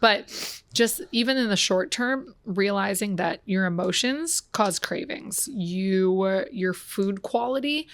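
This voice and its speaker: A woman who owns a fitness gym, a guest on a podcast, talking in an energetic, wordy, casual way with plenty of fillers. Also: medium pitch, no room sound. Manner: energetic, wordy, fast storytelling with lots of fillers. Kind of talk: casual conversational interview.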